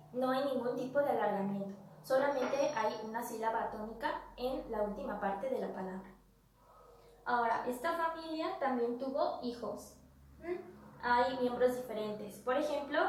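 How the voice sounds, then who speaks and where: Patient female language teacher, repeats each term; bright-ish voice, echoey room, mic at a distance. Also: on the high side. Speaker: Japanese teacher. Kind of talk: vocabulary lesson.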